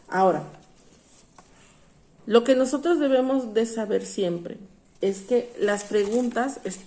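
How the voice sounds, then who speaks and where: A woman's voice: mid-range voice, a little mellow. A woman teaching a lesson, patient and explanatory, often asking rhetorical questions and calling out words for emphasis. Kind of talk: online class lesson.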